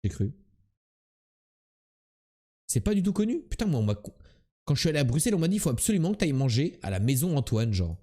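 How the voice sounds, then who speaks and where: A young man streaming quiz games live, loud and teasing as he talks to his chat. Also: a little high, sing-song, quick pace, pauses often.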